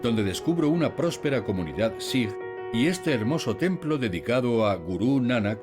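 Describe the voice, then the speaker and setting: Guy narrating a travel doc, calm and curious, voice moves around a lot, music playing under it. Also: medium pitch, moderate pace. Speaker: travel documentary host. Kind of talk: documentary narration and interviewing. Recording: voice with background music.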